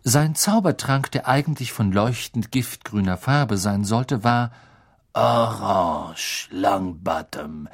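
A man reading a storybook aloud in a lively, expressive narrator style. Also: medium pitch, a little slow, few pauses. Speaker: audiobook narrator.

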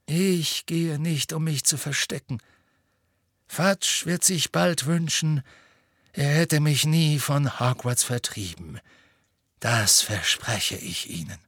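A man voicing an old, wise wizard headmaster in an audiobook, earnest and measured. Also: high voice, fairly even intonation, dry recording, studio quality, pitched above the performer's own voice. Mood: grim. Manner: earnest, measured, drops to a whisper. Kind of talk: audiobook reading.

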